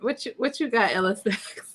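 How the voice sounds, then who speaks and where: A woman's voice: a little high, animated, normal speed, fairly bright tone, slightly rough. A woman co-hosting a live podcast, chatting playfully and laughing from a distance. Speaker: podcast co-host. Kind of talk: casual live-stream chat.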